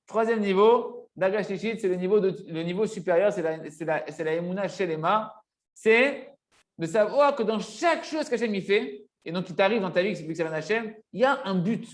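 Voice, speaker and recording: High-voiced man teaching a religious lesson. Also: fairly quick. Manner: didactic, emphatic, repeats phrases and checks understanding.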